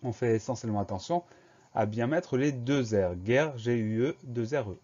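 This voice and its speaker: A young man teaches a spelling lesson at a mid pitch, spelling each word out letter by letter. His delivery is slow and careful, like classroom dictation. The recording sounds somewhat dull and lo-fi. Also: expressive, a little mellow.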